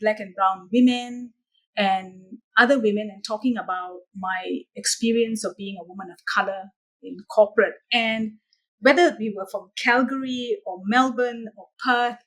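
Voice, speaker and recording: In a low-quality recording, a Malaysian woman with a mid-range voice answers interview questions as a guest coach. She comes across as earnest and reflective, telling her stories in a measured way and restarting now and then.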